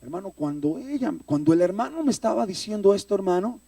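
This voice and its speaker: A man's voice: sits high, animated, fast, gravelly, mellow, no echo. A man preaching a sermon, telling his own story emotionally and often calling out "brother". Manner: emotional storytelling, repeatedly addressing "hermano". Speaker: preacher giving testimony. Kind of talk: sermon testimony. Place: church, recorded live. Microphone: phone stream from a distance. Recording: distant phone livestream of a church.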